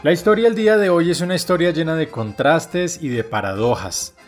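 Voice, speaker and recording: A man hosting and narrating a documentary segment in a measured, explanatory way. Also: on the high side, over music. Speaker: program host and narrator.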